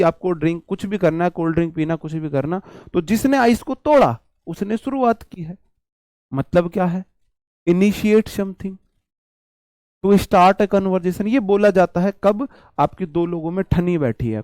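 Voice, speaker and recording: A man teaching English idioms to exam students in casual Hinglish, with an Indian English accent. He slows right down to spell out each English phrase and calls his students "my brother.". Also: a little high, darkish tone, dry recording. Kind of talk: casual live vocabulary lesson.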